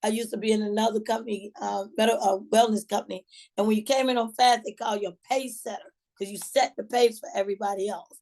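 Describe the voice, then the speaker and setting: A woman's voice: mid-range voice, fairly even intonation, quick pace, a little mellow, poor audio. A woman from Georgia with a Southern US accent speaks in a folksy, encouraging, colloquial way, leading a motivational sales team call. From Georgia, USA. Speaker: sales team leader hosting a morning call.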